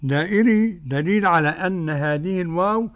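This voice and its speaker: An older man with an Egyptian accent teaching Quran recitation rules, drawing out verses slowly and explaining them quickly. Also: high voice. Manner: slow drawn-out recitation alternating with quick colloquial explanation.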